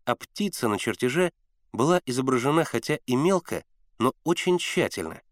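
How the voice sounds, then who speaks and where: A man reading a children's novel aloud as an expressive audiobook narrator. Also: medium pitch, normal speed, dry recording, clean studio sound. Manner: expressive, animated storytelling.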